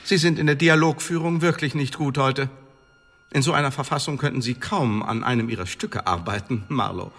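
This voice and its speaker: This male actor plays an icy Elizabethan spy-service interrogator in a German radio play, using a formal, pedantic, talking-down manner. His pitch is medium, his speed normal and his tone a little bright, and he comes across as mocking and accusatory.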